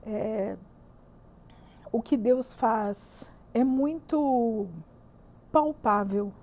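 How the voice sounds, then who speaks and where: On a narrow, tinny recording, a woman with a slightly high voice draws out her words. She has a Brazilian Portuguese accent and leads a church ministry, and as a podcast guest she delivers her testimony earnestly and emphatically, repeating words to stress them.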